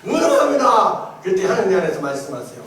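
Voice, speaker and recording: A male pastor giving a testimony sermon, animated and emphatic, shifting from shouts to soft asides and laughing often. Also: high-pitched, brisk, crowd noise. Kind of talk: testimony sermon in a church training course. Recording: echoey church hall, mic far off.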